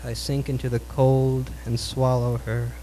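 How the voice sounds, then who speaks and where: A man performing his own poems at a live reading in a cool, measured Beat style, like a beatnik poet. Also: mid-range voice, flat delivery, mellow. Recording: noisy live recording with hum.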